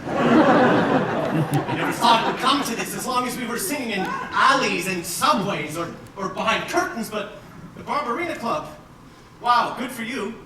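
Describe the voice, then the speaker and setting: A man's voice: extremely high pitch, lively intonation, measured pace, noisy background. A man acting and singing in a stage musical as an anxious young man from a rich family who wants to become a singer. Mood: worried. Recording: distant echoey stage recording with loud orchestra.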